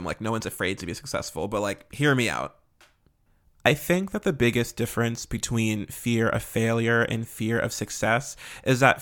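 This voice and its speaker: A man's voice: mid-range voice, fairly bright tone. A man hosting a solo podcast in a casual, chatty way, sassy and candid with slangy, sweary phrasing. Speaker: podcast host.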